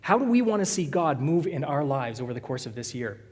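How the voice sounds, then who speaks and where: A man's voice: a little high, very animated, fairly quick, darkish tone. A man preaching a sermon to his congregation, conversational and joking, teasing the crowd between points. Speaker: pastor. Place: church sanctuary. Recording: long reverb of a church hall.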